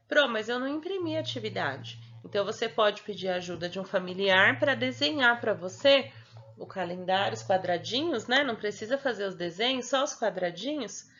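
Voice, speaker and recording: A young woman teacher with a Brazilian Portuguese accent, slowly walking small children through their homework in a patient, sing-song way and often checking in with them. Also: medium pitch, sharp tone. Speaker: primary school teacher. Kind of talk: remote lesson explaining homework to young children. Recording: dull lo-fi home recording.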